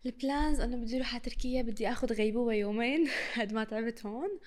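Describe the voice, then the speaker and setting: A young Iraqi woman speaks very fast in a fairly high voice, guesting on a podcast for a casual interview chat. Her Arabic accent blends Syrian and Iraqi, she mixes the dialects, and she laughs often.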